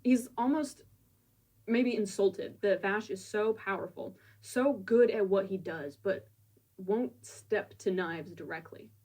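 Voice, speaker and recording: A woman with a husky voice recaps a manga for a review. She muses over the scenes and drops in casual asides. Her mic sits some way off, so she sounds slightly distant. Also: medium pitch, slow, warm tone. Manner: reflective, musing, casual asides.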